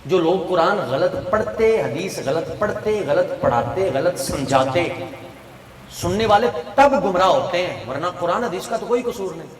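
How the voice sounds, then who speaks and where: A man preaching a sermon in Urdu with a Punjabi accent, emphatic, swinging from soft asides to shouted points. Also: high voice, animated, slight background noise. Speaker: Islamic preacher. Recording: echoey hall, voice from far off.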